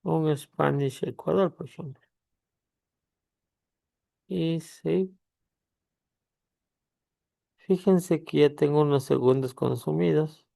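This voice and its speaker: Un hombre con la voz áspera y crujiente, que explica un programa paso a paso con muchas pausas. La grabación es seca, sin eco de la sala. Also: male voice, a little high, fairly even intonation, creaky, dark tone, no echo, clean studio sound. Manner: halting explanation, pausing with tag questions. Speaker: tutorial host. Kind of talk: screen-recorded software tutorial.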